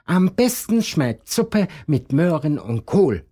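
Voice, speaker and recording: A man voicing a brisk, know-it-all female rabbit cook in a storybook reading, scolding two squabbling neighbors. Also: fairly high pitch, big pitch swings, warm tone, pitched above the performer's own voice, exaggerated voice.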